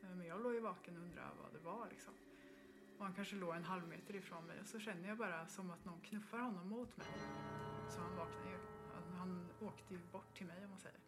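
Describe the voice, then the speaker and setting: A woman's voice: fairly low pitch, loud music behind the voice. A woman co-hosting a podcast, telling a ghost story in casual chat and acting out her own reactions. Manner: lively storytelling with acted-out reactions. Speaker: podcast co-host.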